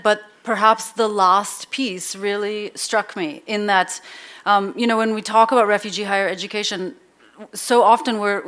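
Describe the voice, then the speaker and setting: Woman moderator at a lectern, mid pitch, thoughtful and measured, lecture hall mic. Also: fairly bright tone. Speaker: panel moderator. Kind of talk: moderating a conference panel.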